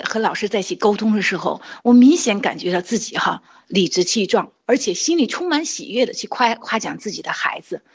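A woman in her forties tells her own story in an earnest, unscripted way, pausing and restarting as she goes. Her voice is a bit husky, and the recording sounds muffled and lo-fi. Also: mid-range voice. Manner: earnest, with frequent hesitations and restarts. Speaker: parent sharing a testimonial. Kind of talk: personal testimony, casual monologue.

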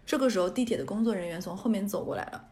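Fast-talking young woman radio host. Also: medium pitch. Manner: lively storyteller who laughs often at herself. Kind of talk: casual radio chat, telling a funny story.

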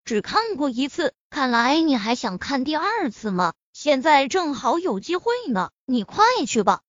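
A woman voicing a feisty young village official from a storybook, huffy and quick to scold. Her high voice swings widely, recorded dry and slightly dull. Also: very animated, dry recording. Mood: teasing.

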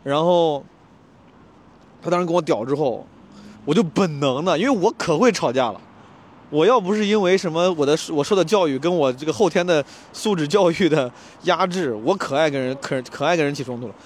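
A young man, a comedian, telling a story to camera in a casual vlog, animated and slangy, stumbling and restarting his sentences. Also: fairly high pitch, a little fast. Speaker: stand-up comedian vlogger.

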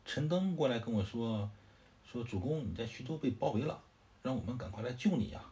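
A man's voice: medium pitch, animated, a little fast, warm tone, lightly acted. A man voicing a loyal male general reporting news to his lord.

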